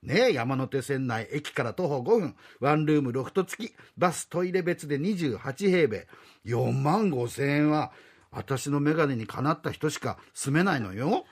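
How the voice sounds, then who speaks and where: A man's voice: fairly high pitch, animated, measured pace, husky, exaggerated voice. A male rakugo storyteller voicing a pushy, flirtatious landlady in her sixties, with a coquettish, chatty manner. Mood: coaxing. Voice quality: coquettish, chatty, sing-song.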